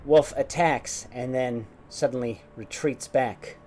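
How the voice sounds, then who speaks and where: A man narrating a tabletop game as game master in a measured, descriptive way. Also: medium pitch, warm tone, soft background music.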